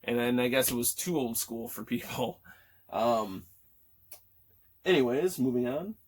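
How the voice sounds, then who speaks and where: A gaming vlogger in his thirties chats casually about games he picked up, rambling with many fillers and restarts and swearing freely. His mid-range voice is animated, a little slow, and slightly rough, still cracking after being sick.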